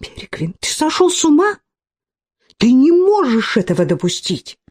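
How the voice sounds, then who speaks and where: A reader voicing an anxious young woman, speaking higher and rising sharply when frightened. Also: big pitch swings, normal speed, a little mellow, husky, no room sound, clean studio sound, exaggerated voice. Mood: alarmed. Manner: higher, shrill when alarmed.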